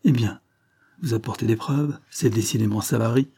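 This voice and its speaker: Skeptical old-school judge, a man reading him, low mellow husky voice. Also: moderate pace. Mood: probing. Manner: formal, questioning. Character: probing male examining magistrate, formal and skeptical.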